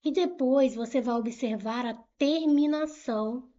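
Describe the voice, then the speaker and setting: A woman's voice: high voice, mellow, lo-fi sound. A middle-aged woman teaching grammar in an online exam-prep lesson, explaining step by step, repeating key points and asking rhetorical questions, and urging viewers to keep moving. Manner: brisk and urging, pushes the viewer to move on.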